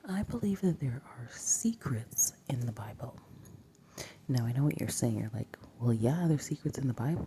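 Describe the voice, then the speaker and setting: A woman whispering softly as she teaches from the Bible early in the morning, reading verses aloud and breaking them down. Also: very deep voice, a little hiss or hum. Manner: soft whisper, slow and deliberate; reads verses aloud and then unpacks them. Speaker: Bible teacher and video host.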